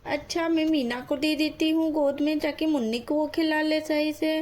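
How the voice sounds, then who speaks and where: A woman's voice: high voice, fairly even intonation, normal speed, a little mellow, natural voice. A woman voicing a kind young village housewife in a doll story, polite and reassuring. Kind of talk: doll story role-play.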